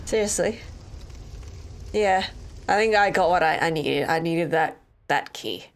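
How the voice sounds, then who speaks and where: A woman's voice: fairly low pitch, unhurried. A woman with a congested, stuffy voice, casually commenting while she plays a game, chatting to enemies and laughing along the way. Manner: chatty, talks to enemies on screen, laughs often. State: congested from a cold. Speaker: gaming channel host. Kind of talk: let's play commentary.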